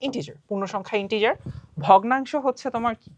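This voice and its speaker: A woman's voice: a little high, fast talker, no echo. A young woman teaching an online class, talking casually and asking and answering her own questions as she works through quiz items.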